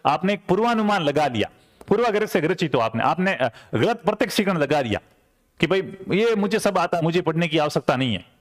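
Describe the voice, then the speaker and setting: A man's voice: a little high, very animated, fairly quick. A man, teaching an exam-prep lecture conversationally and repeating key terms with rhetorical check-ins. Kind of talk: classroom lecture.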